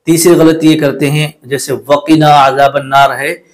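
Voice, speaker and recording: A man's voice: on the high side, little pitch movement. A man teaching a religious lesson in polite, patient with a lilt. He corrects common mistakes and repeats words carefully. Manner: recites the Arabic prayer slowly in a melodic chant. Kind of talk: religious instruction to camera.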